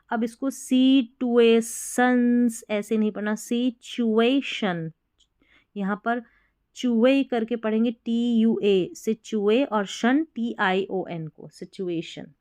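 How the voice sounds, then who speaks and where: Hindi-accented lady teacher, really slow and patient, spells words out, dry close sound. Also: medium pitch, darkish tone, no echo. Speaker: English teacher. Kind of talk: slow spelling and pronunciation lesson.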